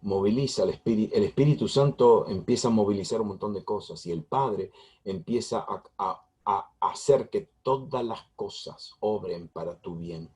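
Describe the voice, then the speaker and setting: A man's voice: lowish voice, normal speed, darkish tone, husky. A middle-aged man preaching a sermon as pastor, emphatic and repetitive, with frequent restarts.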